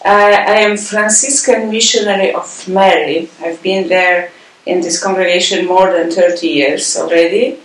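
An older woman with a Polish accent, a religious sister and facilitator, speaking carefully with pauses in a recorded video message. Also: lowish voice, fairly even intonation. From Poland. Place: sitting room with plant and map, indoors. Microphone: far camera. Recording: roomy audio from a distant camera.

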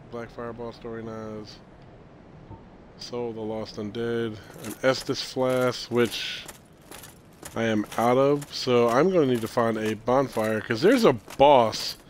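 This streamer host, a man in his thirties, runs a casual gameplay stream while nursing a stuffy cold and clearing his throat. His mid-range voice moves slowly through rambling, self-correcting talk, with a little hiss or hum in the background.

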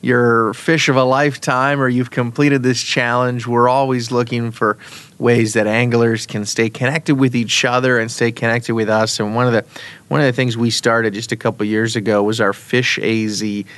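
A man's voice: medium pitch, little pitch movement, normal speed, fairly bright tone, clean tone. A man with a mid-range voice hosts a podcast in an easygoing way. He chats casually and guides his guest with open questions. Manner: easygoing, asks guiding questions. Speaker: podcast host. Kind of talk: casual interview talk.

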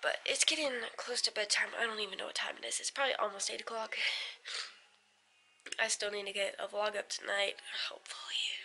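Around twenty, a young American mother vlogs from home with a handheld camera held at arm's length, chatting informally and rambling about family life. Her mid-range voice is gravelly, bright and forceful, and a little fast. The home recording has noticeable background noise.

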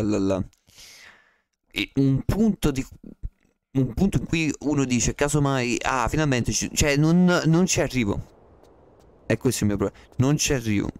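Jokey male streamer, smooth close-mic voice. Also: medium pitch, a little mellow, no room sound. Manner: playful, joking, slangy, repeats himself. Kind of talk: casual live-stream chat with viewers.

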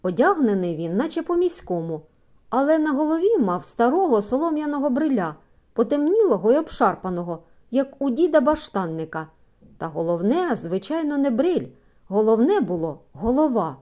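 Lively woman reading a children's story. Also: a little high, normal speed. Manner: lively, expressive reading with voiced dialogue. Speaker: audiobook narrator. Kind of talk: scripted narration of a children's story.

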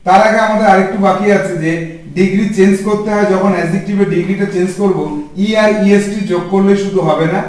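A man's voice: sits high, fairly even intonation, fast, a little mellow. A man teaching a spoken English grammar lesson to a class, putting questions to the students and answering them himself. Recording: echoey room from far off.

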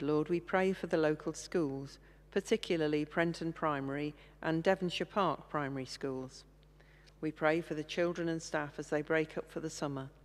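In a large church, an English woman with a deep voice leads the intercession prayers during a service, reading slowly, steadily and in a measured way at a stand microphone. A far camera captures it, and the church adds long reverb.

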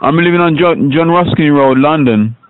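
A man baiting a phone scammer, stalling with hesitant, drawn-out answers and deadpan jokes. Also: on the high side, no echo. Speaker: scam baiter on a call. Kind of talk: prank phone call. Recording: tinny phone line with background noise.

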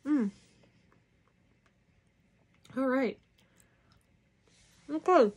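A woman's voice: high voice, drawn-out words, a little mellow. A woman doing casual unboxing commentary at home, chatty and wry, sometimes talking while chewing. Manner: chatty, wry, bursts of mock outrage. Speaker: unboxing vlogger.

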